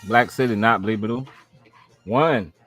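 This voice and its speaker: A man's voice: lowish voice, measured pace, a bit bright, faint music behind. A man hosting a watch-along, tossing off blunt, casual comments over a news broadcast.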